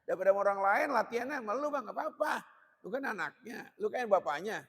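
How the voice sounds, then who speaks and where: A man's voice: sits high, animated, fast talker, a bit bright. A man preaching a colloquial sermon, blunt and joking, in street slang. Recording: long hall reverb.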